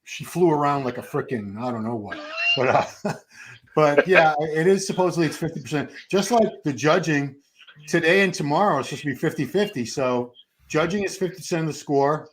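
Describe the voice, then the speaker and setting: A man's voice: a little high, fairly quick, slight background noise, low-quality recording. A man hosting a casual livestream chat, rambling on and asking his guests questions. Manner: rambling, chatty, asks the guests. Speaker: host.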